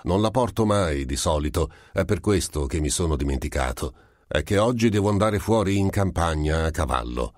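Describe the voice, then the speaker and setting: A man reading the part of a sly, composed gentleman who probes with smooth, falsely apologetic questions. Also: sits low, lively intonation, moderate pace, no echo, clean studio sound, pitched above the performer's own voice.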